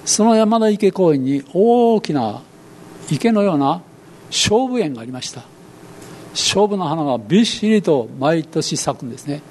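A man's voice: on the high side, expressive, darkish tone, slight background noise. A man in his eighties with a Kansai accent, preaching a sermon in a folksy, storytelling way. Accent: Kansai Japanese. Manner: storytelling, acts out quoted voices, folksy and unhurried. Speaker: pastor.

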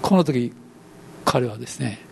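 Elderly Kansai pastor, storytelling sermon. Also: male voice, medium pitch, lively intonation, creaky, a little mellow, a little hiss or hum. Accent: Kansai Japanese. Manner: storytelling, acts out quoted voices, folksy and unhurried.

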